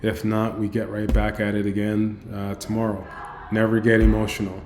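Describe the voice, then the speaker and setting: Brief: male options trading coach doing an end-of-day recap, low voice, emphatic and repetitive, asks "right?" a lot, roomy echo with faint background hum. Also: completely flat delivery, normal speed, a little mellow. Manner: emphatic, repeats phrases, tags lines with "right?".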